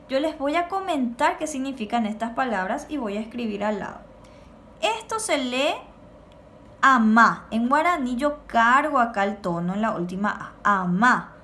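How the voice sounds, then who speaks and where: Woman teaching kids on a recording, fairly high voice, drills words slowly, faint noise behind. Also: fairly bright tone. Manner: slow, clear drilling of words for repetition. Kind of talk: recorded remote lesson for children.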